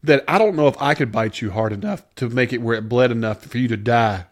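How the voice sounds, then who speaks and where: A man with a mid-range voice co-hosts a casual podcast. He is blunt and sardonic, and trades quick agreement and jabs with his partner. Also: medium pitch. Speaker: podcast co-host. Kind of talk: casual review chat.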